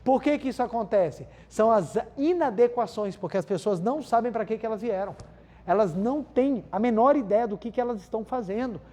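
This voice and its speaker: A man with a Brazilian accent gives a spiritual talk rich in everyday anecdotes, his high voice brisk yet dark in tone. Calling the audience "gente" again and again, he repeats important phrases to stress them.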